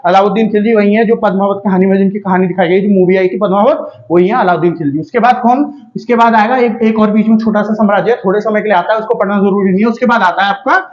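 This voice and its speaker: High-voiced man teaching history. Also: steady tone, fast, few pauses. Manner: rhetorical questions answered himself, frequent checks like "theek hai". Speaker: exam coaching teacher. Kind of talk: casual Hindi history lesson. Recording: dull lo-fi recording.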